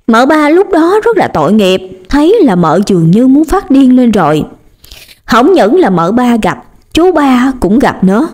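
A young woman with a Southern Vietnamese accent, narrating a ghost story with dramatic, lively delivery. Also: high-pitched.

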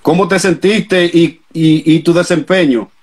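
A man's voice: a little high, steady tone, unhurried, a little mellow. A man interviewing a former ballplayer, asking questions hesitantly with many fillers.

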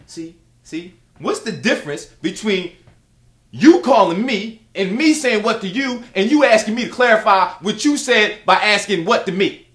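An actor playing an exasperated young college-age son who argues back at his father, fast and loud at times. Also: high-pitched, animated, reverberant. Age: young adult. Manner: fast, argumentative, loud outbursts. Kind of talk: comedy sketch acting.

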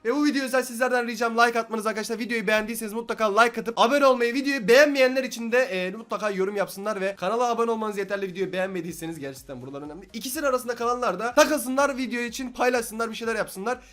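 A young man giving excited gameplay commentary as a gaming YouTuber, swinging between shouting and muttering to himself. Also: extremely high pitch, racing, few pauses.

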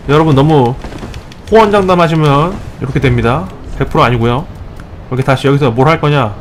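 A man hosting a let's play, giving joking step-by-step tips and scolding the enemies he fights, with sudden excited outbursts. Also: fairly high pitch, a little fast, a little hiss or hum. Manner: playful mock-tutorial tone, scolding enemies. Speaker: gaming channel host.

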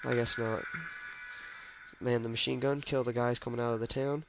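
A man's voice: mid-range voice, little pitch movement, a little fast, gravelly, music in the background, rough recording. A young man giving casual, jokey commentary as he plays a shooter game, narrating each move. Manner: chatty, jokey, narrates his moves as he plays. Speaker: let's play gamer.

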